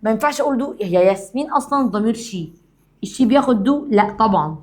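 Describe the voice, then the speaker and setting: A woman with an Egyptian Arabic accent, an English teacher giving a classroom grammar lesson, explaining briskly and reading example sentences slowly and deliberately. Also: a little high, expressive.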